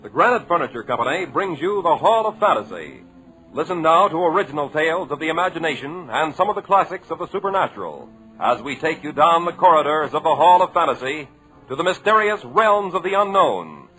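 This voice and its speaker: A man's voice: a little high, big pitch swings, brisk, sharp tone, rough recording. A male announcer giving a formal sponsor introduction for a 1940s radio drama. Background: music.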